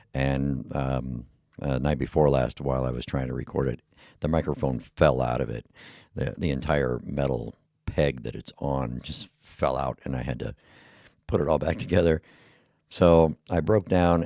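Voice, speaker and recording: Male podcast host, very low, dark and rumbly. Casual, mumbly solo talk on a close, dry, EQ'd dynamic mic. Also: vocal fry, no room sound. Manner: mumbly, rambling, with many fillers. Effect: equalizer filter on the mic. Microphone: heavy dynamic podcast mic on a boom arm.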